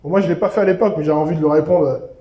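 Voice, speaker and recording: A man's voice: a little high, fairly even intonation, racing, warm tone. A young man from Seine-et-Marne in France, doing a self-mocking stand-up set on a comedy club stage. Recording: roomy club echo.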